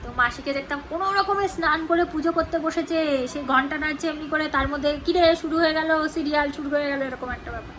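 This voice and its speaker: In a high, slightly bright voice, a middle-aged woman with a West Bengal accent races through a casual chat for her family vlog. She rambles, repeating and rewording herself as she goes. The home recording has clear noise.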